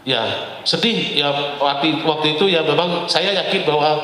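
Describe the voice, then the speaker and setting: A man from West Sumatra telling a lively personal story as a talk show guest, laughing often and often addressing the host as "Pak". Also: on the high side, moderate pace, a little hiss or hum. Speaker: guest speaker. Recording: echoey hall reverb.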